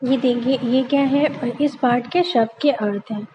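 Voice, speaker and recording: A woman's voice: on the high side, a little slow, dark tone. A woman teacher giving a recorded lesson, patiently sounding out words syllable by syllable. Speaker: school teacher. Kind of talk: recorded online class. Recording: dull lo-fi audio with faint noise.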